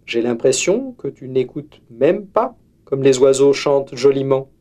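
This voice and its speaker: A man voicing a sly, hungry wolf pretending to be a grandmother in a storybook, speaking in a soft, coaxing way. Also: medium pitch, animated, a little slow, lightly acted.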